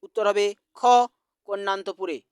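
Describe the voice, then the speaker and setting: A teacher from West Bengal slowly reading out exam quiz answers, repeating each question. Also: mid-range voice, level tone, clear, resonant tone, dry recording, studio quality.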